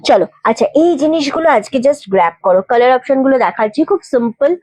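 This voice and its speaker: A young woman with a Kolkata Bengali accent, chatting through a live-stream sales pitch, urging viewers to book quickly. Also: expressive, a little mellow, no echo. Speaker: saree seller on a live stream. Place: boutique shop.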